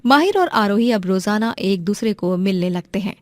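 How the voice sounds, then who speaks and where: A woman's voice: mid-range voice, animated, moderate pace, no room sound. Dry-voiced woman narrating a story.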